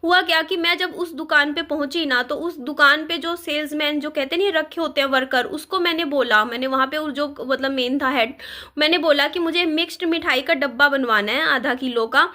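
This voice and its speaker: Lady vlogger, super high voice, bright and sharp, retelling a story all worked up. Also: normal speed. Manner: indignant, animated retelling with many fillers. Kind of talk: casual storytime vlog.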